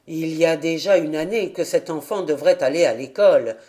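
An audiobook reader voicing an earnest village pastor who speaks in a measured, persuasive way. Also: medium pitch, warm tone, lightly acted. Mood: firm. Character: earnest village pastor, middle-aged man. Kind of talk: audiobook character reading.

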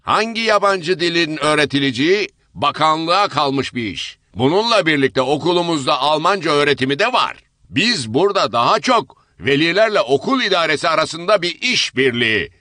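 A man's voice: fairly high pitch, lively intonation, moderate pace, bright, forceful tone, no room sound, pitched above the performer's own voice. A man voicing a prim bespectacled official who corrects the meeting formally.

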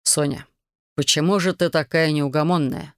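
An audiobook narrator voicing a furious, possessive male dragon, low and slowly growling. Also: steady tone, a bit bright, clear, resonant tone, no room sound, clean studio sound, natural voice. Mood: tender.

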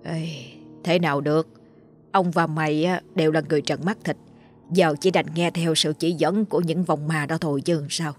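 A woman voicing a frightened old male village healer, speaking low and hushed in a storybook horror tale. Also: fairly even intonation, moderate pace, faint music behind, natural voice. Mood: resigned.

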